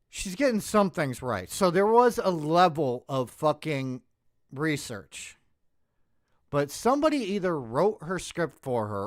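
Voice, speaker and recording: A man's voice: fairly high pitch, no room sound, clean studio sound. A man hosting a stream, reacting to a video in a blunt, profane casual rant that often breaks off mid-word. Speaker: streamer host.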